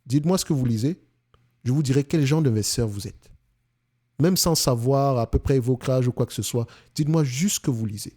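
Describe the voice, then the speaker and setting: A man's voice: medium pitch, fairly quick, dark tone, husky. A man with a Cameroonian French accent, hosting an investing channel in an emphatic casual monologue, often restarting and repeating himself.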